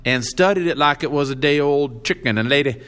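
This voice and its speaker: A man's voice: on the high side, normal speed, fairly bright tone, pitched above the performer's own voice, natural voice. A man voicing a shrewd, brooding one-armed young drifter with a firm, nasal voice.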